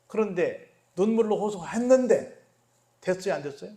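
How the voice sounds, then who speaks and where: A male pastor preaching at a midweek prayer service, asking the congregation questions and answering them himself, moving between loud emphatic lines and quiet, drawn-out ones. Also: high voice, animated. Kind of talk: sermon.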